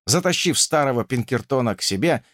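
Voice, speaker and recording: A man's voice: mid-range voice, lively intonation, fairly quick, fairly bright tone, dry recording, studio quality. A man narrating an audiobook in a theatrical reading.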